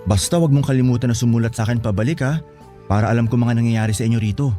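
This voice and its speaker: A young adult man acts as a devoted boyfriend who is leaving for the city to study, in a Tagalog radio romance drama. His mid-range, warm voice races along, earnest, tender and reassuring, close to how he'd normally talk. Faint music plays in the background.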